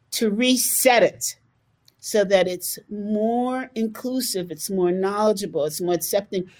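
A woman from the United States speaking in an earnest, emphatic conversational way. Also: medium pitch. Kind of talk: conversational discussion.

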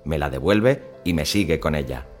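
A man reading a first-person suspense story in a measured, tense storytelling manner. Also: extremely low pitch, animated, faint music behind. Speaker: narrator.

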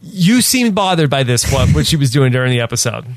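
A man hosting a casual podcast chat, talking quickly and joking with frequent laughs. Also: mid-range voice, sing-song, no echo. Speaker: podcast host.

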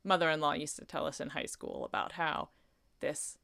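Bright, crisp young woman, casual recap co-host, animated delivery, dry close sound. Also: low voice, normal speed, no echo. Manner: animated, shouts quoted lines, self-deprecating jokes.

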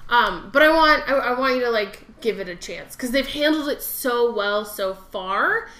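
A woman co-hosting a podcast in casual chat, emphatic and excitable and swearing freely. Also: a little high, moderate pace. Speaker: podcast co-host. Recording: roomy echo.

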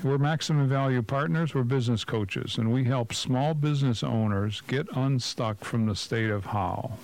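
Male radio co-host, medium pitch, blunt opinionated business coach thinking aloud. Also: moderate pace, a little mellow, rough recording. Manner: blunt, opinionated, asks rhetorical questions. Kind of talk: casual radio talk show commentary.

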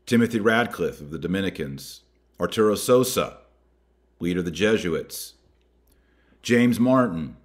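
An American man hosts a podcast, reading a document aloud and adding commentary with deliberate emphasis. His voice sits low and his manner is animated.

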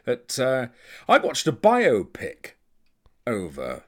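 A man's voice: medium pitch, wildly swooping pitch, slow, a bit bright. A man co-hosting a podcast in casual chat, wry and playfully opinionated. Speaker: podcast co-host.

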